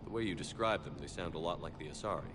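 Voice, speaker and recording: Man voicing a brisk soldier commander. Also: deep voice, noisy background, lightly acted. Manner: brisk, decisive.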